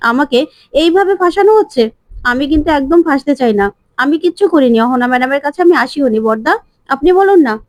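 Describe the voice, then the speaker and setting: A woman's voice: high-pitched, animated, quick pace, dry recording. A woman voicing a defiant young woman from a slum, who pleads her innocence in a story retelling.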